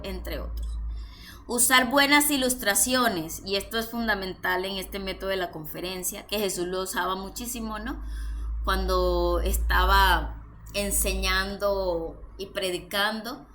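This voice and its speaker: A woman's voice: medium pitch, sharp tone, a little hiss or hum. A woman with a Colombian Spanish accent teaching a church lesson, reading points aloud and then explaining them with fillers.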